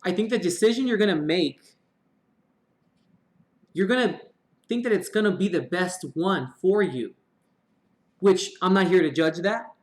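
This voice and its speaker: A man's voice: high voice, measured pace, long pauses. A man giving a casual live-stream tarot reading, chatty and swearing now and then. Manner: chatty, swears casually, murmured prayers to draw cards. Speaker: tarot reader. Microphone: live-stream mic. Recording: echoey room.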